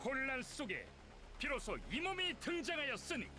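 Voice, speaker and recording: A theatrical, self-important hero from a game, high and very bright in voice. He is jovial and grandiose and talks extremely fast over faint music. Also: big pitch swings, a little hiss or hum, full character voice. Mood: grandly confident. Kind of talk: game character acting.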